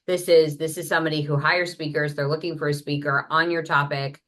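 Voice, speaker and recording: Low-voiced woman explaining briskly. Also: flat delivery, fairly bright tone. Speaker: podcast guest, marketing entrepreneur. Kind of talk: conversational interview. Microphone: video call.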